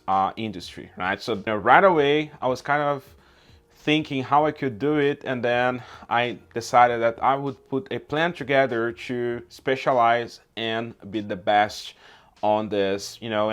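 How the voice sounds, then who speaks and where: Speaking casually outside for his YouTube vlog, a Portuguese-speaking man from Brazil keeps asking "okay?" and "right?" His voice has a medium pitch and a fairly bright tone.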